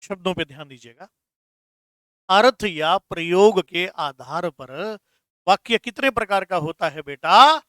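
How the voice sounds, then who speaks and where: A man's voice: high voice, animated, fairly bright tone, no room sound. A man teaching Hindi grammar in a patient lesson, repeating terms and addressing students fondly. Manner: explains slowly, repeats terms, calls students "beta". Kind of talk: classroom lesson.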